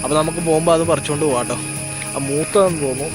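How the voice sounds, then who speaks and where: A woman's voice: low voice, rapid-fire, music in the background. A woman vlogger chatting casually to her viewers during a family outing and while cooking, with a lot of fillers. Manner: chatty, addresses viewers directly, many fillers. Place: outdoors near a temple and jackfruit tree, later a home kitchen.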